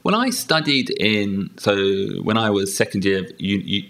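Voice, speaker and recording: A man's voice: lowish voice, a little slow. A British man talking casually as a guest in an interview, sprinkling Japanese words into his English. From United Kingdom. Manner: relaxed, mixes in Japanese words. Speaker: guest, stand-up comedian.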